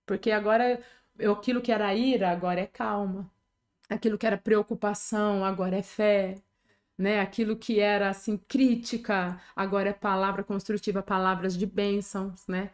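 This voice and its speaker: A woman's voice: medium pitch, steady tone, normal speed. A middle-aged Brazilian woman pastor with a Brazilian Portuguese accent, sharing a personal testimony in an earnest, conversational way and often ending sentences with a tag question.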